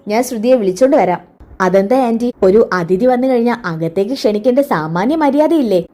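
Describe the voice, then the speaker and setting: Lively woman retelling a serial. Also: fairly high pitch. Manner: lively retelling with quick switches between characters. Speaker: serial recap narrator. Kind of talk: retelling a TV serial episode, voicing all the characters.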